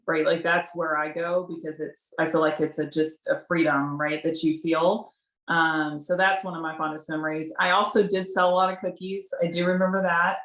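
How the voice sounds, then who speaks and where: A middle-aged woman, a corporate community partner, gives informal interview answers in a conversational, emphatic way, often checking in with "right?". Her voice is low and a bit bright, and the recording sounds roomy and echoing.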